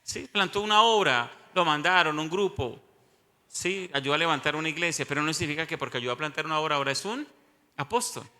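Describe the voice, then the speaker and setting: A man's voice: a little high, lively intonation, fast, sharp tone, big-room sound. A male pastor, teaching a sermon and often asking the congregation questions.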